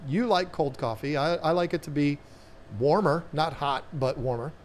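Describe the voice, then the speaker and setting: A man's voice: fairly high pitch, normal speed. A man chats on a live stream in a slightly raised voice, wandering through stories and restarting his sentences. A faint noise sits under the recording. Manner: rambling storyteller, many restarts. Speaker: aquarium channel co-host. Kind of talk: casual live-stream chat.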